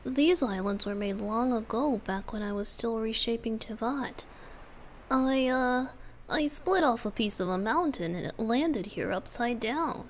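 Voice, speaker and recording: Woman voicing Venti, a slow, playful boyish bard. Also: fairly high pitch, a little hiss or hum, close to an everyday voice. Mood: wistful, fond. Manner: soft, gentle, teasing, often breathy. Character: playful, tender youthful male bard, a wind spirit. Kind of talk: romantic ASMR roleplay.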